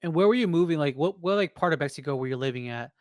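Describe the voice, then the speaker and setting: Fast-talking man asking quick questions. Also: a little high, expressive, a little mellow, no room sound. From Peru. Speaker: podcast co-host. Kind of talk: casual chat.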